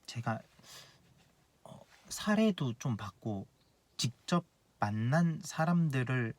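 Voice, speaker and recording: A young man in his late twenties talks through his advice as an insurance planner. He speaks bluntly and earnestly at an ordinary pitch, hammering home each point by repeating it. The delivery is casual and direct, like a one-person video talk. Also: animated, takes it slowly, dry recording. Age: 20s.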